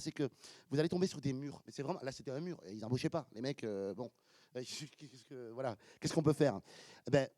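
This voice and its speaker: A man telling lively stories from his career to an audience, acting out the voices of the people in them. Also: mid-range voice, no room sound. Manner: lively, animated storytelling with acted-out quotes and laughs. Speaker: motivational speaker. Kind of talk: storytelling talk to an audience.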